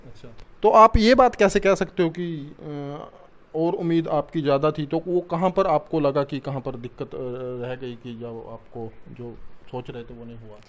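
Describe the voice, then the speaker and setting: A man interviews a guest for a local news channel. His voice sits a little high and comes through a dull, lo-fi recording. He asks friendly questions and often pauses on a filler. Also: fairly even intonation. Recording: dull lo-fi sound.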